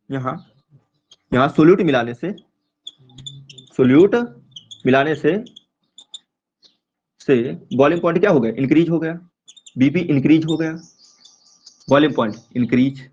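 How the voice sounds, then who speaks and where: A man teaching a chemistry class online, his voice a touch high and recorded dull and lo-fi. He asks question after question and answers each one himself. He stretches out and repeats the key terms.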